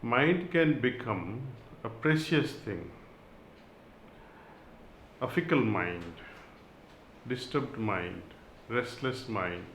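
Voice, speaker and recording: Slow, measured man. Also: mid-range voice, expressive, fairly bright tone, roomy sound, a little hiss or hum, rough recording. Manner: slow, measured, with long pauses. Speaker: spiritual teacher. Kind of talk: spiritual talk with reading aloud.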